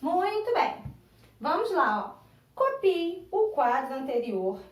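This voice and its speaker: A woman's voice: high voice, big pitch swings, slow. A Brazilian woman teaching a grammar lesson in a classroom, patiently breaking words into syllables and repeating them. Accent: Brazilian Portuguese. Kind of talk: recorded online classroom lesson. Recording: echoey room, voice from a distance.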